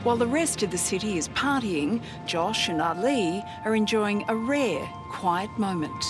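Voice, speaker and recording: A woman's voice: mid-range voice, animated, unhurried, music in the background. A woman with an Australian accent reading scripted documentary narration.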